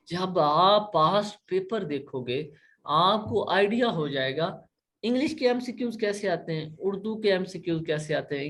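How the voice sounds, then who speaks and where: A man's voice: on the high side, gravelly. A man with a Pakistani accent teaching an online class, explaining patiently, repeating points and often checking that students follow. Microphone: laptop.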